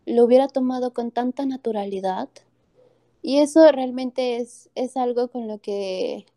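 A woman's voice: on the high side, dark tone. A young woman with a Mexican accent, earnestly telling a personal story with many fillers and restarts.

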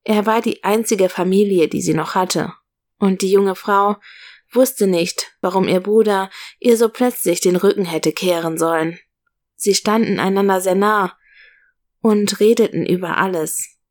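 A woman reading a story aloud as narrator, in a calm, measured way. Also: medium pitch.

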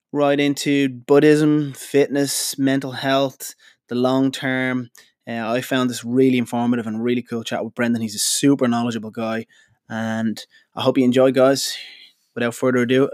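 A man's voice: medium pitch, dry recording. Man hosting, dry close sound. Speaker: podcast host. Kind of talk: casual podcast interviewing.

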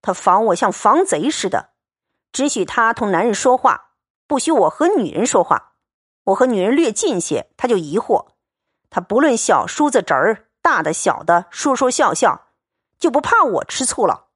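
Woman reader playing a young noble man, wheedling, petulant, quick-talking, lively swings in tone, dry close sound. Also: high voice, breathy edge, dry recording, full character voice. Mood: pleading, complaining.

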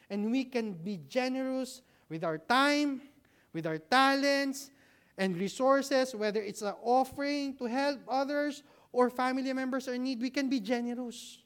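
This preacher's smooth, medium-pitched voice carries a chatty sermon through a church hall. Asking questions only to answer them, peppered with frequent "right?", the speaker keeps engaging the congregation and adds bits of humor.

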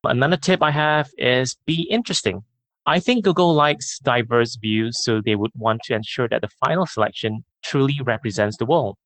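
A man co-hosting a casual podcast, explaining things in a steady, thoughtful way. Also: mid-range voice, moderate pace, dry recording, rough recording. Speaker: podcast co-host.

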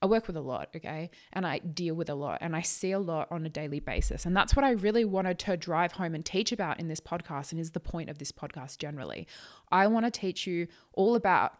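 A woman's voice: on the low side, expressive, brisk. A woman talking casually on a solo podcast, chatty and a little nervous, stumbling over her words and rephrasing as she goes. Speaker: podcast host, psychic channel.

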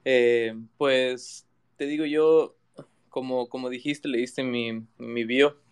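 A man from Ecuador, answering interview questions in a reflective way, often pausing and restarting. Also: medium pitch, steady tone, clean tone. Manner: reflective, with many restarts and fillers. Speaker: guest artist.

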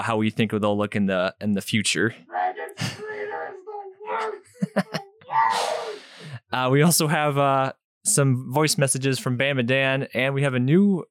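A man's voice: mid-range voice, background noise. A man hosting a casual sports podcast, often laughing as he talks. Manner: laughs often, amused, loose delivery. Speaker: podcast host.

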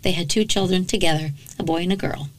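A woman's voice: on the low side, fast talker, rough recording. Woman narrating true crime, wry asides. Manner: dramatic narration broken by sarcastic, blunt asides. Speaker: true crime podcast host. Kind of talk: true crime storytelling with commentary.

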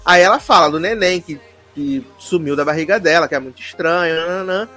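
Brief: man, high and lively voice, playful storytelling recap, faint music underneath. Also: a little fast. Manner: animated, quotes characters in playful voices, fillers like "não sei o quê". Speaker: podcast co-host recapping a series. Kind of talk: casual chat, retelling with acted quotes.

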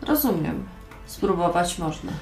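A woman voicing a young apprentice merchant in a tabletop game, hesitant with many pauses. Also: lowish voice, sing-song, vocal fry, pitched below the performer's own voice, exaggerated voice. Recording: echoey room, music behind.

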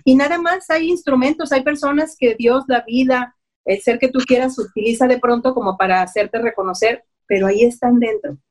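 A woman's voice: fairly high pitch, fairly quick. A woman coach giving an earnest, encouraging talk that speaks straight to the listener. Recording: dull lo-fi audio.

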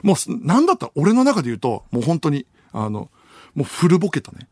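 A man's voice: on the high side, huge pitch swings, a little fast, dry recording, clean studio sound. A man hosting a late-night radio show, telling a long story with sound effects and bursts of laughter. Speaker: radio host. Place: radio studio. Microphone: studio microphone.

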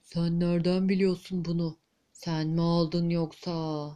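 Woman as a husky, hot-tempered giant queen, low and mellow, for a read-aloud tale. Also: very animated, unhurried. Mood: angry. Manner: suspicious, booming questions. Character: huge hoarse giant queen, quick-tempered.

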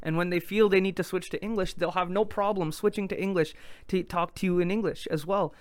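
A man's voice: sits high, fairly even intonation, brisk, clean tone, no echo. A man hosting a podcast, talking in an earnest, reflective way and often restarting his sentences. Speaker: podcast host. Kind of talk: casual conversation.

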